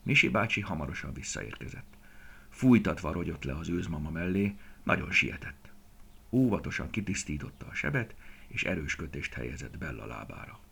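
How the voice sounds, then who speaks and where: A man's voice: rumbling low, big pitch swings, vocal fry, a bit bright, breathy edge. A man narrating a children's story expressively, often dropping to a whisper.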